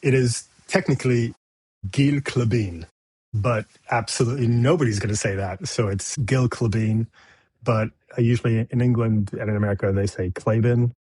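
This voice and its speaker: A man being interviewed on a podcast as a film director guest, telling stories in a candid, animated way. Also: medium pitch, brisk, hardly any pauses, slightly rough, no echo. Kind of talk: casual interview chat.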